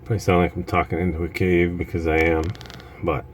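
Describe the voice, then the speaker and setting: A man's voice: low-pitched, flat delivery, quick pace, slight background noise. A man giving a casual how-to while lying on his stomach inside a reptile rack, so his voice has a hollow, cave-like echo and rambles with fillers. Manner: rambling, with many fillers and restarts. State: lying on his stomach, reaching into a tight space. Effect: hollow cave-like echo from talking inside a reptile rack. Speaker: reptile keeper showing his setup.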